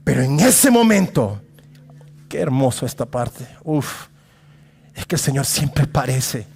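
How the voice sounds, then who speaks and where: A man preaching a sermon in church, talking straight to his congregation with casual humor and dramatic swings from loud calls to hushed asides. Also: mid-range voice, big pitch swings, measured pace, gravelly, slightly rough. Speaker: pastor.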